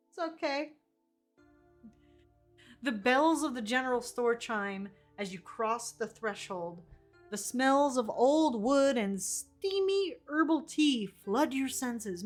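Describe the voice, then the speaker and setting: Woman, game streamer, casual, playful asides, unhurried, slightly high pitch, faint background music. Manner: informal, playful. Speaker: streamer playing a narrative game. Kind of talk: casual game playthrough, reading text aloud with chatty asides.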